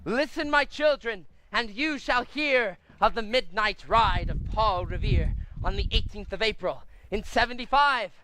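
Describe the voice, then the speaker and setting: A man voicing a jolly storyteller who gathers children in a cartoon, animated and sing-song. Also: sits high, measured pace, hardly any pauses, a little hiss or hum, exaggerated voice, poor audio. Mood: lively.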